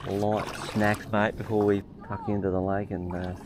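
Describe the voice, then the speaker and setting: A man's voice: on the low side, normal speed. A young man with an Australian accent, chatting casually and swearing a lot while prawning at night on a lake, filmed on a head camera. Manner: sweary and laid-back. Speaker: vlogger. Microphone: head-mounted action camera. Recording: outdoor camera with steady background noise.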